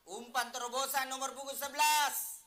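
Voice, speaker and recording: A man's voice: very high-pitched, fairly even intonation, normal speed, bright, forceful tone, reverberant. A man giving live football commentary in short, separated phrases, like a stadium announcer.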